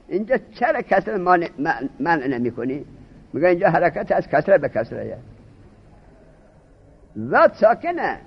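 Lively-pitched man lecturing a class. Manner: asks students questions and repeats key terms. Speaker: teacher of Arabic morphology. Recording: dull, husky lo-fi recording.

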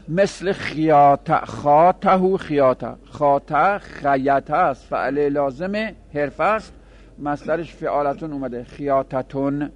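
A man teaching a grammar lesson to seminary students, chanting example words slowly and then explaining them in quick asides. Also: a little high. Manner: addresses students directly, with small laughs. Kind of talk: classroom lecture on Arabic grammar.

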